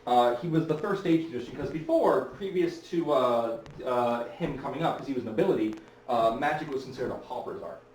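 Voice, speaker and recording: Chatty magician, echoey and distant. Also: male voice, medium pitch, fairly quick, darkish tone, slight background noise. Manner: chatty, with many "uh" fillers and restarts. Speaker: stage magician. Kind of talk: live storytelling performance. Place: fair stage. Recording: echoey, distant mic, faint ambience.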